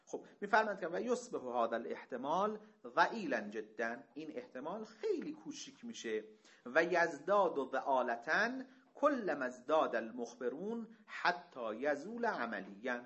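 A man teaching a lesson, reading Arabic passages slowly and then explaining them in a conversational way, often asking rhetorical questions. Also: lo-fi sound. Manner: asks rhetorical questions, lively pitch swings.

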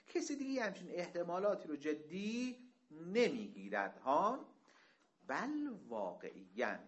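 A male teacher lectures with a bright, forward voice that swings widely in pitch. He reads passages slowly, then explains them in a conversational way and poses rhetorical questions. The recording is somewhat dull and lo-fi.

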